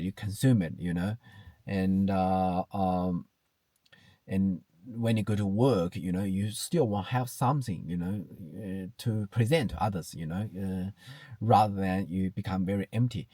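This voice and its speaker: Speaking to camera about personal matters, a Chinese man in his thirties keeps stumbling, restarting, using fillers, and saying "you know" again and again. He has a lowish, warm voice and a Chinese accent, captured in a dry recording.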